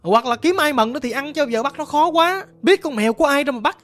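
Woman storyteller doing a brusque old grandmother, scolding in short bursts, slightly high voice. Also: dry recording, lightly acted. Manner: scolding, brisk questions.

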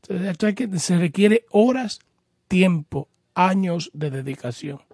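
Gravelly-voiced male pastor taking calls. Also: high voice, expressive, measured pace, darkish tone, dry recording. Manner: patient, explanatory, teaches with homely examples; addresses the caller formally as brother. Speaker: pastor hosting a call-in program. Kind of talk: radio call-in Bible questions and answers.

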